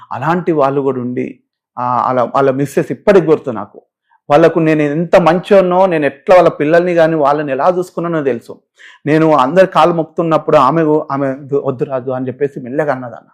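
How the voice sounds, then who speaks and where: A man with a Telangana Telugu accent, a pastor telling his own story as a guest in an interview. He relates it with feeling and acts out the voices of the people he quotes. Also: mid-range voice. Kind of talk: emotional personal testimony in an interview.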